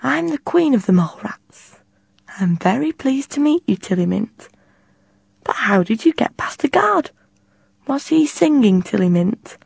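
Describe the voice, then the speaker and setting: A woman's voice: a little high, big pitch swings, creaky, breathy edge, no room sound, clean studio sound, full character voice. Woman doing a stern, silky mole rat queen. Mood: gracious. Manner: measured, stern, soft and silky.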